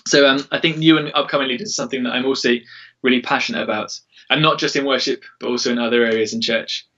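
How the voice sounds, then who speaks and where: A man's voice: mid-range voice, fairly even intonation, quick pace, bright, forceful tone. A man speaking casually and earnestly in an interview as a church worship leader, in an informal way. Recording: dull, distant-mic recording.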